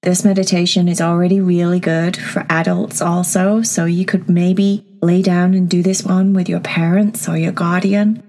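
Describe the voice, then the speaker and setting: A woman guiding a children's meditation as a podcast host, speaking in a soft, soothing, breathy manner. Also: lowish voice, level tone, normal speed, few pauses. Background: new-age music.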